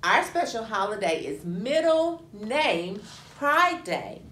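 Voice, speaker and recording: A woman teacher co-hosts a school morning news show, giving students the date, the weather and the lunch menu. She sounds friendly and upbeat, and her voice sits a little high. The room has a strong echo. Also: sing-song, takes it slowly, a bit bright. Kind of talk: school announcements. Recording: echoey room.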